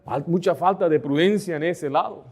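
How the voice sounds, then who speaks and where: High-voiced man preaching a sermon. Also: moderate pace, slightly rough. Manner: asks the congregation rhetorical questions; acts out dialogue within anecdotes. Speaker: pastor.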